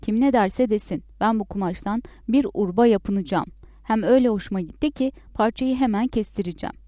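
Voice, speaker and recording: A woman's voice: a little high, normal speed, dark tone, dry recording, clean studio sound, lightly acted. Woman doing a stubborn young farmer husband, insists and pushes, storybook reading. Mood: defiant. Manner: insistent, defiant. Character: stubborn young peasant husband, pleasure-loving.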